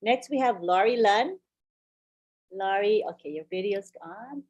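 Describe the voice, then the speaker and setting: A woman moderating a webinar, briskly and in a friendly way introducing each speaker. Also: medium pitch, expressive, a little mellow, highs cut off.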